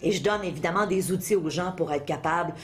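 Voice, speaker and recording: A woman's voice: lowish voice, fast. A middle-aged woman with a Quebec French accent, explaining self-help ideas conversationally as an interview guest, teaching through questions and examples. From Quebec, Canada. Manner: didactic, addresses listeners with questions and examples. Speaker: interview guest, motivational speaker and author.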